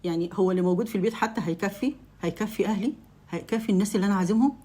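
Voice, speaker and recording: A good-natured husband eager to host family, as a woman storyteller puts him on, speaking with an Egyptian accent. Friendly and coaxing, very fast, with a husky, mellow tone. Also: mid-range voice, close to an everyday voice.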